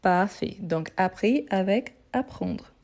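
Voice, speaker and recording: Slow, patient woman teaching French. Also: mid-range voice, lively intonation, darkish tone. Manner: patient, repeats answers and says "parfait". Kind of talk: live online grammar lesson. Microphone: phone.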